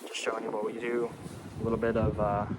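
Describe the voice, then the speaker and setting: A man's voice: lowish voice, monotone, fast. A man giving a casual, informal walkthrough vlog of a work site, his voice muffled behind a protective mask. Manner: informal, addressing viewers directly. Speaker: vlogger showing a mold remediation job. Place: indoors at a house under mold cleanup. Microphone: handheld camera, later on selfie stick. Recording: very noisy handheld recording, loud machinery hum. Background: loud air scrubber and ventilation noise.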